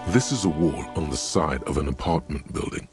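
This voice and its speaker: A man playing the knowing, dry narrator of a detective's inner thoughts in a video game, deliberate and deadpan. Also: over music. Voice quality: very deep, gravelly.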